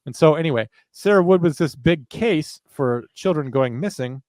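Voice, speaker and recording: A man's voice: a little high, lively intonation, normal speed, a little mellow, no room sound. A man in his thirties co-hosting a true crime podcast, talking in a sarcastic, rambling, self-mocking way. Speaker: podcast co-host. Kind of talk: casual podcast chat.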